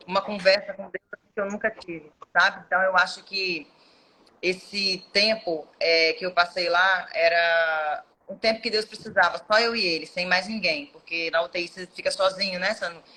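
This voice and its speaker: Bright-voiced woman giving earnest testimony. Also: fairly low pitch, slight background noise, poor audio. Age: 30s. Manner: earnest, emotional storytelling. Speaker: interview guest. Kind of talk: personal testimony.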